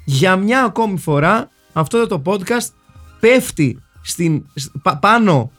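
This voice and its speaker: Higher-voiced man hosting a jokey podcast. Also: expressive, fairly bright tone, soft background music. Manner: jokey, theatrical, mixes in English phrases. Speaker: podcast host. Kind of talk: casual comedic film chat.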